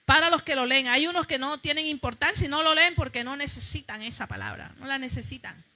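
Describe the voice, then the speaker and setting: A woman's voice: sits high, fast, pushed and bright. A woman pastor preaching a fervent sermon, calling out to her congregation.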